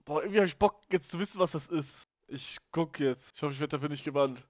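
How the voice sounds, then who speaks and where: Young male streamer, high voice, crude slangy banter, dry and dull mic sound. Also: fast talker, no room sound. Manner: slangy, blunt and mocking, swears freely. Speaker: live streamer. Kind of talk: casual live-stream chat, reading unban requests aloud.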